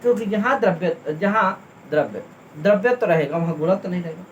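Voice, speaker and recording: A man's voice: sits high, a little fast, highs cut off, a little hiss or hum. A man teaching a class, listing terms one by one and asking his students again and again whether they understood. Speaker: Sanskrit teacher. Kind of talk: classroom lesson, explaining a text.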